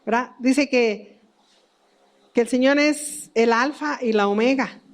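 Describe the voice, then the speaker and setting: A middle-aged woman with a high voice teaches the Bible in a relaxed, conversational way. She keeps putting questions to her listeners and laughs lightly at her own family stories. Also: slow pace.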